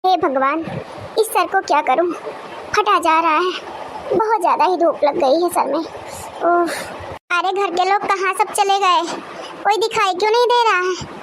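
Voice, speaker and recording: A cartoon grandmother in her later years, bossy and forever grumbling about her aching head and thirst. The voice sits very high and thin, with a faint hiss of noise behind it. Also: a little slow, long pauses, fairly bright tone. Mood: tired, complaining. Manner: scolding, complaining, chatty. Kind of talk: cartoon character voice.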